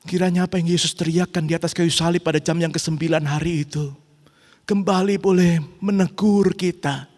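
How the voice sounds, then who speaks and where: A middle-aged man preaching a sermon as pastor, swinging between loud urgent rhetorical questions and quiet, intimate reflection. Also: on the high side, steady tone, a little fast. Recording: long hall reverb.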